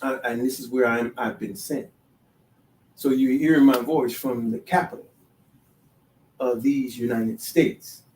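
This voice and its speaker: A man hosting a solo talk show, halting with many restarts, then building to emphatic, sermon-like declarations. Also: mid-range voice, steady tone, darkish tone, a little hiss or hum. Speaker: podcast host. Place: DC, Maryland, Virginia area. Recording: echoey room, voice far from the mic.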